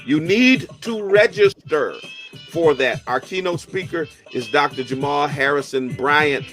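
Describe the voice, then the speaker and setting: On a laid-back radio show with faint music in the background, a man with a fairly bright, higher-pitched voice trades jokes with his co-host. He reads out church announcements playfully and draws out his sign-offs.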